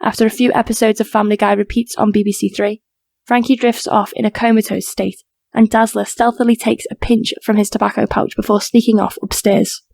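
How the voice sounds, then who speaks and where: A woman narrating an audiobook crime drama in a steady, even reading voice. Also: medium pitch, fairly quick, vocal fry, no room sound. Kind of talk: scripted narration.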